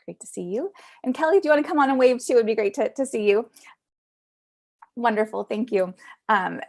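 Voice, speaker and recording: Event host on a video call, woman with a gravelly, fry-heavy voice, upbeat and chatty. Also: on the high side, fairly quick, darkish tone. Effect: heard over a video call. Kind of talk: hosting a pitch event.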